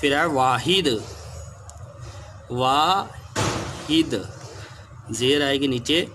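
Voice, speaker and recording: A man's voice: medium pitch, slow, noisy background. A male teacher giving a spelling lesson to children, patiently spelling words out letter by letter.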